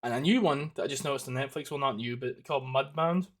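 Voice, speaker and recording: A man's voice: medium pitch, fast talker. A young man hosting a podcast in casual chat, swearing freely and breaking into goofy voices. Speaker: podcast host.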